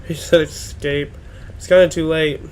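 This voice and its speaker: A man's voice: on the high side, fairly even intonation, normal speed, darkish tone, poor audio. A man casually commenting on a game as he streams, hesitant and muttering to himself. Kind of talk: casual live gameplay commentary. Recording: faint background noise.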